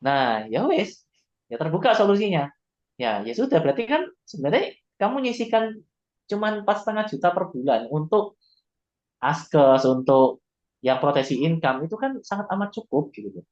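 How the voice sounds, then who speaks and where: Male sales trainer, chatty, mid-pitched, dull lo-fi recording. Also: a little mellow. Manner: conversational, acts out sample dialogues.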